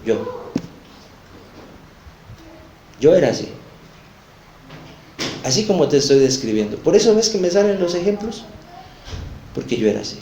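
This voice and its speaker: A man's voice: a little high, big pitch swings, unhurried, pauses often, warm tone, a little hiss or hum. A man with a Mexican accent teaching a Bible study, earnest and confessional, speaking straight to the listener. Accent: Mexican Spanish. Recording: roomy echo.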